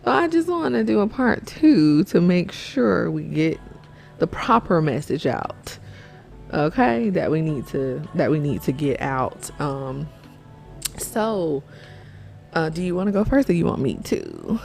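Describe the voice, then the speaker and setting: Slow, gravelly-voiced woman podcast host. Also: low voice, wildly swooping pitch, a little mellow, faint music behind. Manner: earnest, laughs often. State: out of breath. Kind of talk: casual faith-based chat.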